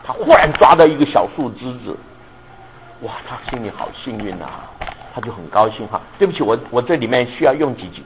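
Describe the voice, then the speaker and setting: A man preaching a sermon, telling a story in an animated way, often asking listeners if they understand and mixing English words into his speech. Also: medium pitch, muffled recording, slight background noise. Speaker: pastor.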